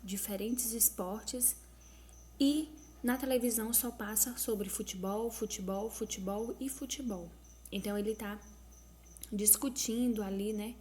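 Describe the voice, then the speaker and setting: A woman teacher reading out school exercises and explaining the answers slowly, syllable by syllable. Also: a little high, a little mellow, slight background noise. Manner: slow, explanatory, spells out syllables.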